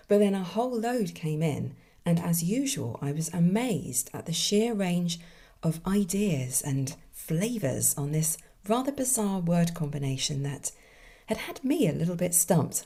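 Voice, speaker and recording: A woman hosting a writing podcast, musing enthusiastically over listener submissions with soft asides. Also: lowish voice, breathy edge. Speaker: podcast host and fantasy author. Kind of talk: reading listener submissions and commenting.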